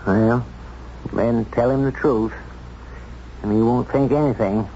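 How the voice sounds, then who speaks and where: In a 1970s radio drama with dull, slightly hissy sound, a man plays a small-town American sheriff. He is plain-spoken, folksy, candid and unsure of himself, halting when he opens up, with a medium-pitched, dark-toned voice close to everyday speech and a measured, reassuring mood.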